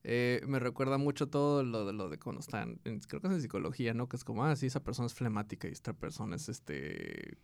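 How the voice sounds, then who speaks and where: A laid-back man with a Mexican Spanish accent chats on a podcast at an ordinary mid pitch. He reads definitions aloud in an easy, joking way. The sound is dry and close to the mic. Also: very animated, fast talker, creaky, few pauses, darkish tone, no echo. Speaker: podcast co-host. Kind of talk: casual chat.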